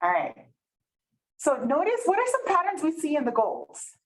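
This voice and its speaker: Her voice here is high, with huge pitch swings and a moderate pace, on a rough recording. A native Spanish speaker, the facilitator runs an interactive community workshop from a meeting room with some participants online, chatting and regularly checking in with everyone.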